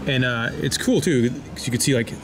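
A man casually narrating a walk through a zoo, pointing out animals in a relaxed, chatty way. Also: mid-range voice, brisk. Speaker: zoo tour vlogger. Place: outdoor zoo walkways. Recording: outdoor noise around camera mic.

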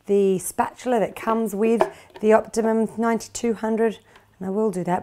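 A woman's voice: mid-range voice, dark tone, a little hiss or hum. A middle-aged woman hosting a cooking show, chatting encouragingly as she demonstrates a recipe in a kitchen. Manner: chatty, encouraging, talks while working. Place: home kitchen studio, indoors.

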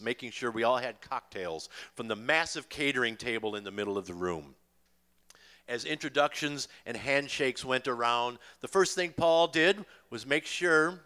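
On a stage in a small, dim music venue, an older American author and musician reads live from his memoir to an audience, close on a boom-stand vocal mic. His medium-pitched voice is sharp and bright, and he tells the story expressively with dramatic pauses.

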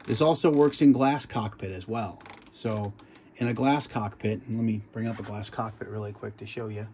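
With a lowish, steady, slightly mellow voice at a moderate pace, a man walks casually through his home flight sim setup. He rambles and restarts often, filling gaps with fillers, against slight background noise.

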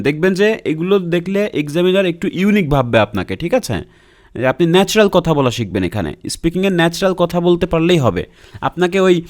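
A man's voice: a little high, a little mellow. A young man with a Bangladeshi accent giving a casual IELTS lesson, blunt and teasing, full of filler sounds and "okay?" checks. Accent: Bangladeshi Bengali. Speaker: IELTS tutor.

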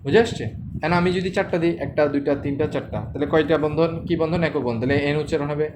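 A man's voice: fairly high pitch, quick pace. A man teaching chemistry to a class, asking questions and repeating the answers. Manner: quizzes students with repeated questions. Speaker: chemistry tutor. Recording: noisy screen-recorded class.

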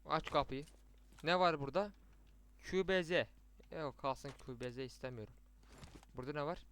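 Playing a mobile shooter with his teammates, a young streamer with a Turkish accent keeps up a chatty live commentary, going from quiet muttering to excited outbursts. He speaks at a normal speed in a slightly high voice.

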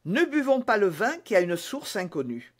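A man voicing a grave, wary musketeer who speaks in a measured way in a storybook reading. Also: high voice, sing-song.

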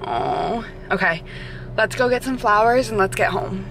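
Young adult woman, excitable vlogger, chatty, talking from a car, bright ringing tone. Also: medium pitch, measured pace, creaky, faint music behind. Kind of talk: casual vlog talk to camera. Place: inside a car.

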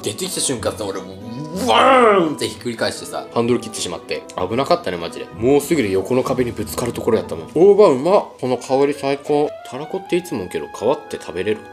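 A man's voice: mid-range voice, sing-song, fast talker, few pauses, faint music behind. A young man with a western Japanese accent, chatting casually to the camera as he eats in a mukbang. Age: young adult. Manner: talks to camera while eating and tasting. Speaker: mukbang host. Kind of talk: casual mukbang eating chat. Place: small room at home.

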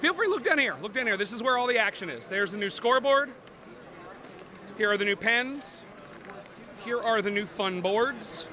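A man giving a playful, animated board game demo at a busy convention, joking with the interviewer as he explains the rules. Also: extremely high pitch, normal speed, pauses often. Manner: playful, animated, jokey salesman. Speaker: board game publisher representative.

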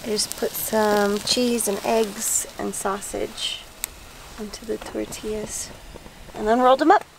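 A woman chatting casually while camping outdoors, soft-spoken and gentle. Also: mid-range voice, steady tone, unhurried, creaky, a little hiss or hum, low-quality recording. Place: outdoors at a mountain campsite.

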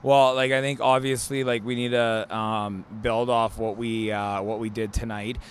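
A man's voice: medium pitch, little pitch movement, moderate pace, a little hiss or hum. A man, an assistant hockey coach, giving an earnest postgame interview with many fillers, into a handheld mic in an indoor ice arena.

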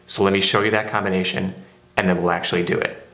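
Deep-voiced man giving plain how-to steps. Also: little pitch movement, fast, sharp tone. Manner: plain, methodical instructions. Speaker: product demonstrator. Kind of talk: step-by-step how-to narration. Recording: roomy echo.

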